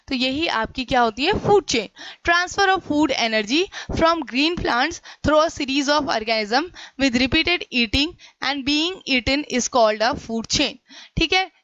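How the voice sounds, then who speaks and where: A woman teacher giving an online exam-prep lesson, explaining in Hindi with English definitions read out slowly, often asking rhetorical questions and addressing her students as children. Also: sits high, a bit bright, no room sound, highs cut off. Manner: frequent checking fillers.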